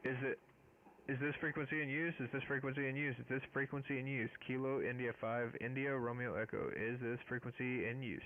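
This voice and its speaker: A man, an amateur radio operator, calling CQ over ham radio, repeating his call sign in measured phonetic spelling. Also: mid-range voice, fairly even intonation. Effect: ham radio call over the air. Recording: tinny radio band with static hiss.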